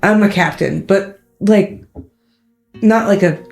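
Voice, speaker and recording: A woman's voice: mid-range voice, takes it slowly, vocal fry, a little mellow, faint music behind, voice pushed up. A woman playing a flustered polite soldier captain. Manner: rambling, flustered, eager to please.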